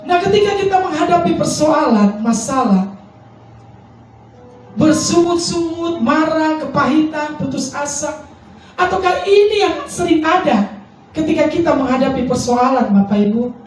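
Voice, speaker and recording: A woman's voice: high voice, animated, a little slow, far from the mic. A woman pastor preaching a sermon, telling a personal testimony with pleading, sometimes sing-song prayers. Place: large church hall. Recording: echoey church hall from afar, faint music.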